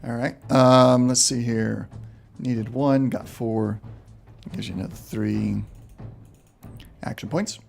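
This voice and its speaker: Game master, male, mid-pitched with a gravelly edge, thinks aloud with lots of ums. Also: fairly even intonation, slow, pauses often, faint music behind. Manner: thinks aloud with frequent ums while checking rules. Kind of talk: running a tabletop game over voice chat.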